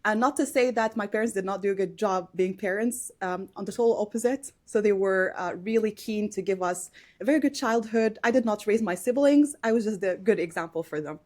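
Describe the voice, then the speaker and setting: A woman's voice: medium pitch, a little fast, a little mellow. A woman in her thirties from Morocco, a podcast guest telling her life story casually, with many fillers and small laughs; her first language is Moroccan Arabic.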